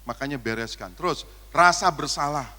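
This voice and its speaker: Bright-voiced male pastor, lively and joking, preaching in a reverberant hall. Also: on the high side, normal speed. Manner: energetic, shouts cues and jokes with the crowd. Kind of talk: lively sermon leading the congregation. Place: church function hall. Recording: long reverb of a large hall.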